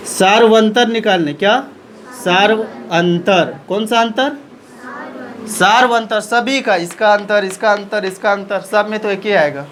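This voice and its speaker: A man's voice: high-pitched, normal speed, hardly any pauses, fairly bright tone, slight background noise, low-quality recording. A man teaching a maths lesson in speech, asking questions and answering them himself.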